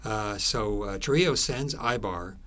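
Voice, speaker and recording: A man whose voice is lowish and a bit bright tells stories while being interviewed as an author. He talks conversationally, halting and explaining as he goes, with thoughtful pauses.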